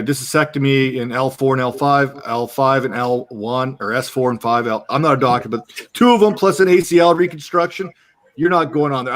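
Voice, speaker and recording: A man co-hosting a live football show, talking casually and joking with a straight face; he has a young kid. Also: medium pitch. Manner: joking, deadpan. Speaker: podcast co-host. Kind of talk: casual sports chat.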